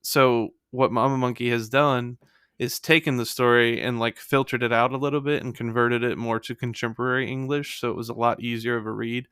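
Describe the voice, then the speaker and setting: Bright, clear-voiced young man chatting eagerly. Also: medium pitch, fairly even intonation, a little fast, no echo, clean studio sound. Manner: enthusiastic, rambling with fillers like "like". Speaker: podcast co-host. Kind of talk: casual podcast chat.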